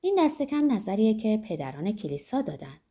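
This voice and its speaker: Stern preachy village priest, read by a woman, husky voice, mellow tone, audiobook. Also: medium pitch, big pitch swings. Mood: disapproving. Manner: preachy, disapproving. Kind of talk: audiobook character reading.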